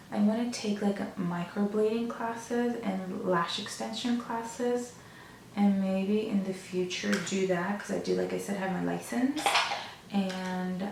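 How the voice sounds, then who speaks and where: Young woman doing a chatty makeup vlog, kinda monotone n low-key, super echoey, bit far from the mic. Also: creaky. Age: young adult. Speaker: beauty vlogger. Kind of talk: chatty get-ready-with-me vlog. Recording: echoey room, off mic, faint noise.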